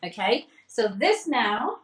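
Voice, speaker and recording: A chatty woman teaches cake decorating in a live, casual demonstration, laughing often and checking in with "okay?" Her voice is a little high, sing-song, slow and a bit bright, with a slight hiss or hum. The room sounds echoey.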